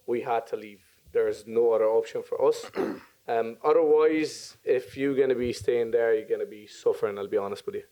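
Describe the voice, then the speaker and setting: A man in his twenties from Syria, chatting as a podcast guest and often pausing with ums and restarts. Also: mid-range voice, dark tone, dull audio. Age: 20s. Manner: hesitant, many ums and restarts. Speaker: podcast guest, business owner. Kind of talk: casual interview chat.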